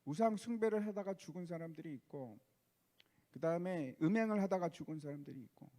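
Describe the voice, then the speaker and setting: Male pastor, high voice, sermon delivery, asks the congregation rhetorical questions. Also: expressive, a little fast, mellow.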